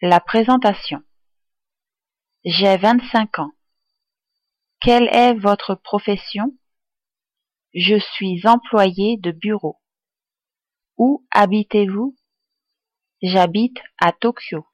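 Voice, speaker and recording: Very slow, careful French tutor woman. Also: medium pitch, no echo. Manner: clear, careful, deliberate enunciation. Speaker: language tutor. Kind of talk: slow phrase-list reading for learners.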